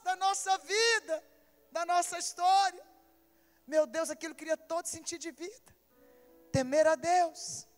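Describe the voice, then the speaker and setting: A woman's voice: very high-pitched, fairly bright tone. A woman pastor with a Brazilian Portuguese accent preaching a sermon, telling an emotional story and calling out directly to her listeners. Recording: echoey hall reverb.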